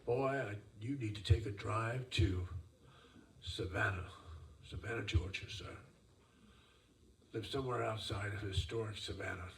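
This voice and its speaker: Casting: male seance medium, lowish voice, emphatic live readings with repeated phrases, distant roomy recording with faint noise. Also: measured pace, gravelly. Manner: addresses listeners as dear and sir, repeats phrases. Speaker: spirit medium.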